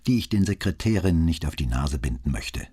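A curt, insistent middle-aged police commissioner pushing for what he wants , voiced by a man reading an audiobook. The voice is very deep and husky, with a lively rise and fall. His tone stays firm and a little brusque. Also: fairly quick, full character voice.

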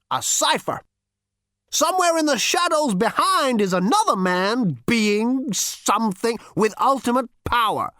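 A woman reading an audiobook, voicing a stern, weary old male ghost with a rasping voice who lectures and commands. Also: a little high, a bit bright, no room sound, studio quality, voice pushed up. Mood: solemn. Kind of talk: audiobook character voice.

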